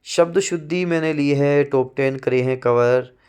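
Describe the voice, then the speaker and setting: A male teacher with a Rajasthani Hindi accent works through an exam-prep lecture at an unhurried, deliberate pace. His voice sits a little higher than most men's. He states each answer and then says it once more. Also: darkish tone, clean tone. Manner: slow, repeats each answer twice.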